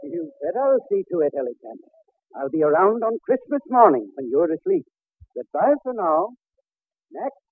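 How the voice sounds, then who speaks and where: An actor playing a dignified department-store Santa Claus with a formal, stately manner in an old-time radio comedy. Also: male voice, fairly high pitch, sing-song, moderate pace, breathy edge, no echo. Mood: jovial. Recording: noisy, tinny old radio recording.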